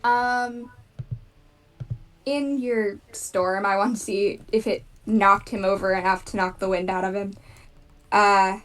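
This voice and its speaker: A woman narrating a tabletop game as game master, describing scenes with halting fillers. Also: medium pitch, fairly even intonation, a bit bright. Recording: distant mic. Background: faint background music.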